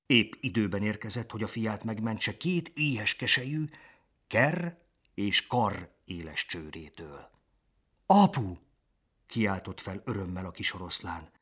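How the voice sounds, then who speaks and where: A man narrating a children's storybook in an expressive, lively way. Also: fairly low pitch, slightly rough. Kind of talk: storybook reading.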